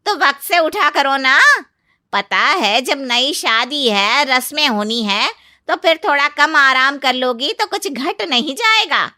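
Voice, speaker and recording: A woman voicing a sharp-tongued, scolding middle-aged aunt-in-law in a cartoon story, loud and taunting. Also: high-pitched, animated, slow, no room sound, clean studio sound, voice pushed up, exaggerated voice.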